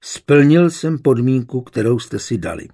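A man's voice: medium pitch, expressive, dark tone, slightly rough. A man voicing an earnest young suitor who speaks with determination, in a storybook reading. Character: young man pleading for his beloved.

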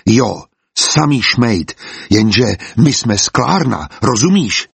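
A husky-voiced man reading the part of a proud, stubborn male master glassblower in a storybook, speaking slowly and firmly. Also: medium pitch, sing-song, a bit bright, no echo, full character voice. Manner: slow, firm and dignified.

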